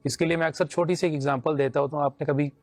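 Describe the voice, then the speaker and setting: A man's voice: fairly high pitch, fairly even intonation, fast, no room sound. A man with a Pakistani Urdu accent, judging a naat competition and explaining his points with homely examples and mild humor. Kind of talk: judge's critique.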